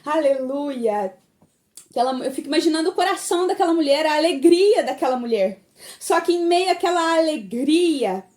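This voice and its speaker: Woman preacher, high voice, impassioned sermon delivery. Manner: impassioned, dropping soft for quoted words.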